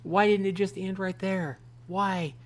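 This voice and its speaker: Measured in pace and fairly even in intonation, a man's high voice carries a live play-through of a visual novel he's hosting. He reads the dialogue aloud, then paraphrases it and adds casual commentary and reactions.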